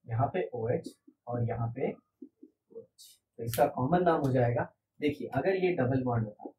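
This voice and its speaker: A man's voice: fairly high pitch, warm tone, recorded from a distance, a little hiss or hum, rough recording. A man teaching a chemistry lesson, patient and repetitive, asking his class rhetorical questions. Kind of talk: classroom lecture.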